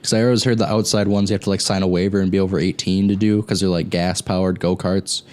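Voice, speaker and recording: A man's voice: low-pitched, flat delivery, fast talker, a little mellow. A young man chatting casually on a gaming group's talk show, telling rambling stories and swearing freely. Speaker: show co-host. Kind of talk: casual chat.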